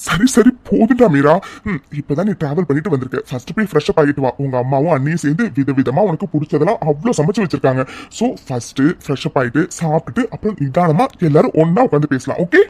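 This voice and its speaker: A man voicing a calm, reassuring cartoon father. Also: a little high, fast talker, hardly any pauses. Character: middle-aged father, calm and gently reassuring.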